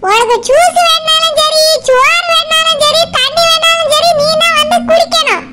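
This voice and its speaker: A harsh, bossy village mother-in-law in a cartoon, with a Tirunelveli Tamil accent, as a woman acts her out. She talks in a very high, bright, piercing voice and mocks everyone around her. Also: steady tone, moderate pace. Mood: scolding.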